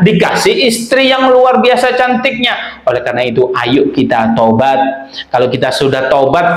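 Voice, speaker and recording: Male preacher, storytelling sermon, lively rhetorical questions, fairly high voice, echoey room.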